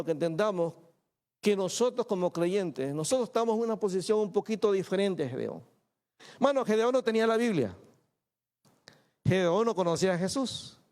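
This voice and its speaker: A man preaches a sermon to his church, his voice sitting high for a man. He speaks straight to his listeners, calling them brother, and acts out the lines he quotes. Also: a little mellow. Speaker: pastor. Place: church in Montreal.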